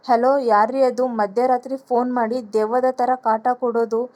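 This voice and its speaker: A woman's voice: fairly high pitch, flat delivery, normal speed, warm tone, lightly acted. A woman voicing a protective young man who speaks in urgent, worried questions. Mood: gruff.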